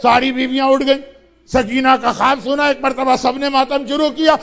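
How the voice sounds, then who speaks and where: A man's voice: very high voice, little pitch movement, vocal fry, a bit bright. A male preacher telling a mournful story in an emotional sermon, with rhythmic, lamenting delivery. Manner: rhythmic, lamenting, dramatic narration.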